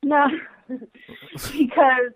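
A woman's voice: sits high, fairly even intonation, drawn-out words, no echo, poor audio. A woman chatting casually and profanely, a bit winded and laughing often. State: winded, using an inhaler. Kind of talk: casual chat.

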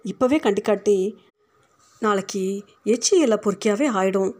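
A proud, poor working mother who lashes out in anger, as a woman reads her. Her voice stays at a middle pitch but comes in hot, defiant bursts. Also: normal speed, darkish tone, lightly acted. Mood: pleading. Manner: angry and defiant.

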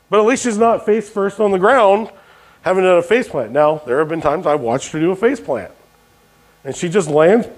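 A pastor preaching a sermon, questioning his congregation and dropping jokey asides. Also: high voice. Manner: call-and-response questions to the congregation.

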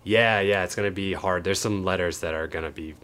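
Very deep-voiced laid-back podcast man. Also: fairly even intonation, a little fast, fairly bright tone. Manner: laid-back, swears offhandedly. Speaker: podcast co-host. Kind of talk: casual chat.

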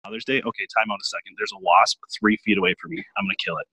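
A man's voice: on the low side, very animated, racing, vocal fry, very noisy. A man co-hosting a casual podcast over a call, joking and laughing while his voice keeps breaking up on a bad connection. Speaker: podcast co-host.

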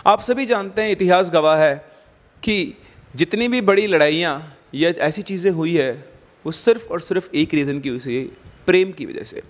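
A man's voice: a little high, moderate pace, in a large hall. A man giving a casual, conversational on-location tour narration as a storytelling vlogger, with chatty asides and English words mixed into his talk. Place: at a ruined hilltop fort.

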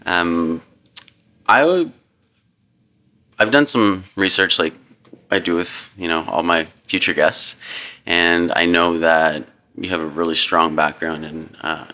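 A man's voice: deep voice, slow, long pauses, sharp tone. A man hosting a podcast, chatting casually and hesitantly with many ums and restarts. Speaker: podcast host. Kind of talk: casual interview chat.

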